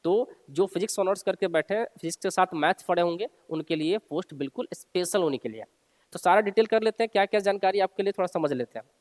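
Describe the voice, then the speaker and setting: Surrounded by long, hall-like reverb, a male coaching teacher speaks in a notably high, slightly mellow voice, animated and quick. He alternates reading formal text aloud with informal explanation, instructively repeating and rephrasing the key points for listeners.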